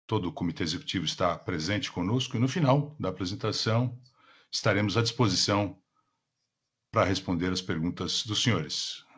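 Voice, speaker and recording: A man's voice: low voice, a little fast, a bit bright, husky. A Brazilian man working as a simultaneous interpreter, delivering a formal business presentation.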